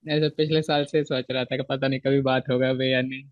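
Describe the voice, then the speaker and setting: Young man, from Jharkhand, crackly breaking call line, dull lo-fi sound, steady flat tone, eager with restarts. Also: mid-range voice, fast talker, dry recording. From Jharkhand, India. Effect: crackly call line that keeps breaking up. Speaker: successful exam candidate calling in. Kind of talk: remote interview answers.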